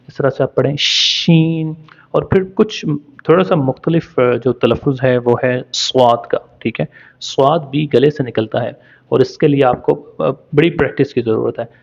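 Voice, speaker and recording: Man, pronunciation teacher, patient spoken lesson, stretched-out letter sounds, mid pitch, dull lo-fi recording. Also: normal speed, vocal fry, darkish tone.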